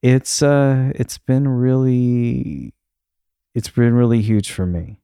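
A man's voice: mid-range voice, slow pace, gravelly, dark tone, smooth, no echo, studio quality. A man hosting a podcast in a casual, unscripted solo talk, rambling and hesitant as he thinks aloud. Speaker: podcast host. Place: untreated room in his house.

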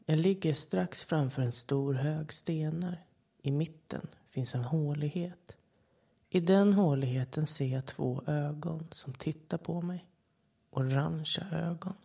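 With a gravelly, mid-range voice, this horror podcast narrator stays calm and measured throughout. His storytelling includes brief bits of quoted speech from characters.

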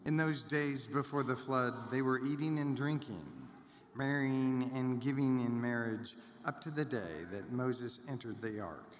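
A man's voice: medium pitch, measured pace. A man reading the Gospel solemnly as a clergyman, his voice echoing through a large church. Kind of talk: solemn liturgical scripture reading. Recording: echoing cathedral-like hall, background noise.

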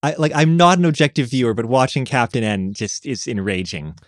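Male podcast co-host, sarcastic casual riffing, animated delivery, dry booth sound. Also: mid-range voice, brisk, dry recording. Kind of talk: casual chat.

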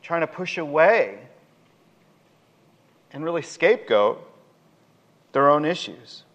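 A man preaching a sermon in an animated way, swinging between loud and quiet. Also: on the high side, takes it slowly. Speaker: pastor.

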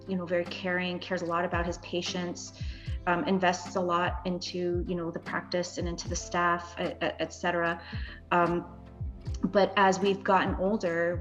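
A woman's voice: on the low side, highs cut off. A woman in her forties, a dentist hosting a podcast, chatting candidly and with self-deprecating humor. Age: 40s. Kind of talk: casual panel chat.

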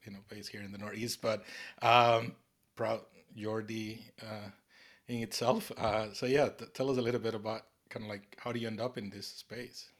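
A man's voice: lowish voice, little pitch movement, moderate pace, a bit bright. A man hosting a podcast, enthusiastic and rambling, with many fillers. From Costa Rica. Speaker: podcast host.

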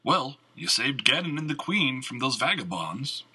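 Man voicing a gruff rustic squire. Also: medium pitch, very animated, moderate pace, pushed and bright, voice pushed up, heavily acted, rough recording. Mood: earnest. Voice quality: rough, blunt country speech. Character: gruff loyal older male squire, rustic. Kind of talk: audiobook character reading.

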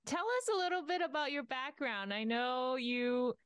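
A woman's voice: high-pitched, expressive, normal speed, a bit bright, smooth. A woman hosting a podcast in a conversational, responsive way. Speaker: podcast host.

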